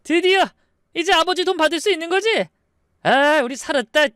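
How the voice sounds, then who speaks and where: A man's voice: very high-pitched, normal speed, pitched above the performer's own voice. A man voicing a money-hungry second brother-in-law who talks gleefully about the inheritance. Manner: gleeful, excited.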